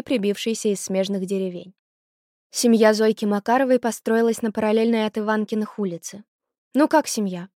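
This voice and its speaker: A woman narrating a novel as an audiobook, reading in a measured, expressive way. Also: mid-range voice, no room sound, studio quality. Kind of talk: scripted narration.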